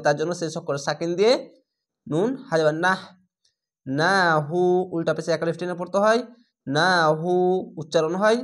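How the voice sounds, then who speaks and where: Male recitation teacher with a high voice and a Bangladeshi Bengali accent, drilling words syllable by syllable and patiently restating each rule. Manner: breaks words into syllables, repeats them slowly and explains rules. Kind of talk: step-by-step recitation lesson.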